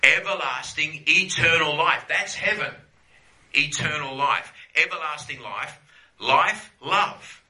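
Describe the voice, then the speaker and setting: A man's voice: a little high, slow, pushed and bright, reverberant, low-quality recording. A man teaching a Bible class to a group, conversational, often checking in with "yeah?" and repeating phrases for emphasis.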